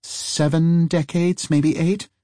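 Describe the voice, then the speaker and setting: A brisk, old-fashioned woman driver, terse and cryptic, who keeps her answers short. A man plays her in a raised, lighter voice with a dry, close sound. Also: a little high, flat delivery, dark tone, no room sound, voice pushed up. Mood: tense, urgent. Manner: clipped, old-fashioned phrasing.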